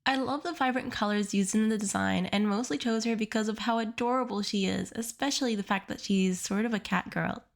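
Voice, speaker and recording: A woman's voice: medium pitch, brisk, gravelly, hardly any pauses. A young woman with a sick-sounding voice, narrating her art video in an earnest, upbeat voice-over. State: sick, stuffy voice. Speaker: art YouTuber. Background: soft background music.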